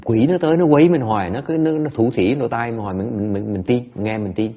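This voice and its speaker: A man's gravelly, creaky voice, pitched in the middle range, leads a dharma talk. He is middle-aged and teaches in a loose, chatty way, repeating himself and laughing as he goes back and forth between two languages. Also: fast talker, dark tone. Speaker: Buddhist teacher.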